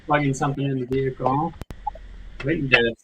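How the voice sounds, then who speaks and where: A man's voice: mid-range voice, steady tone, fairly quick, highs cut off, noisy background. A man giving casual, think-aloud live commentary as a host going through video clips. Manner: thinking aloud, informal narration. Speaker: video host reviewing footage.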